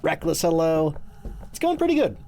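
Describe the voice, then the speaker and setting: A man's voice: on the high side, big pitch swings, moderate pace, gravelly, dark tone, slight background noise. A man streaming a horror game, chatting casually with viewers and musing to himself as he plays.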